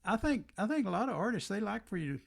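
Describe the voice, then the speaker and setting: A man's voice: high-pitched, big pitch swings, fast talker, vocal fry. A man chatting casually on a video call, rambling and repeating his words. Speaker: songwriter.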